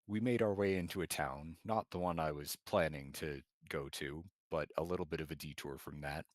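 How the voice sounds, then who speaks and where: A man voicing a male giant adventurer who reports quietly on his week, rambling and hesitant. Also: steady tone, normal speed, no echo, clean studio sound. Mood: reflective. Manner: low-key, rambling and hesitant.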